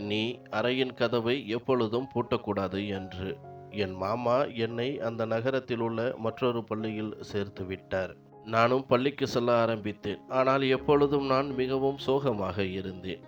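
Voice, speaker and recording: A man narrating a scripted first-person story, reading steadily and sorrowfully in short measured sentences. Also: fairly low pitch.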